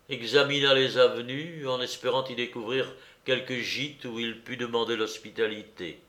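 A man narrating a classic novel as an audiobook, reading in a measured, expressive way. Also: mid-range voice, reverberant.

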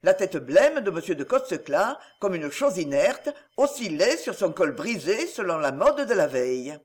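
A man narrating a classic novel as an audiobook, in an expressive storytelling manner. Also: high-pitched, moderate pace.

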